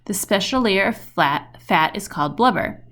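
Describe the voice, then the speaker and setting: With questioning intonation and expressive storytelling, a woman reads aloud from a children's book. She speaks at a moderate pace in a medium pitch.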